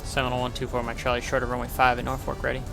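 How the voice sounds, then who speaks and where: A man flying a simulated plane, talking into a cockpit headset mic, mixing clipped radio calls with relaxed, chatty commentary as he talks himself through each step. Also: mid-range voice, racing, creaky, soft background music. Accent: American. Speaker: flight sim streamer acting as pilot.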